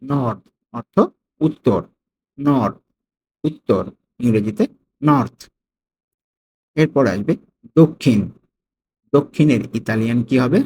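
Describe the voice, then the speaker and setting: Slow, patient male language tutor. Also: medium pitch, mellow, slightly rough. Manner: repeats each word slowly, stressing the foreign word. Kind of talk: vocabulary lesson.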